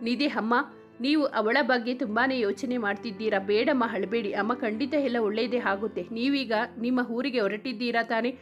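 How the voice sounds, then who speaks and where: Lady reading a shy playful young girl, kinda high, soft music under. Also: quick pace, highs cut off, close to an everyday voice. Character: sweet shy devoted young woman.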